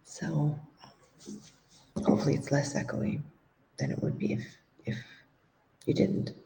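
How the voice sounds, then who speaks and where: A woman's voice: low voice, measured pace, creaky, dark tone. A woman chatting casually as co-host of a live broadcast over a hands-free headset, speaking from an echoey, empty meditation room and rambling with many restarts. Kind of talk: casual chat. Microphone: hands-free headset over a video call. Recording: roomy echo, faint background noise.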